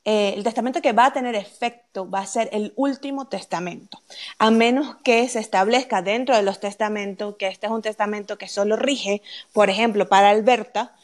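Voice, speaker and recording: A woman's voice: medium pitch, fairly even intonation, moderate pace. A woman answering listener questions on wills as a legal expert, explaining step by step and checking in with a frequent "ok?". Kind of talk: explaining answers in a live Q&A chat.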